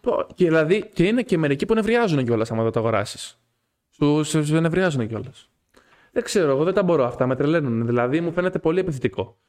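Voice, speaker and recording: A young man, co-host of a podcast, chatting casually in a studio as an animated storyteller who swears a lot. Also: fairly high pitch.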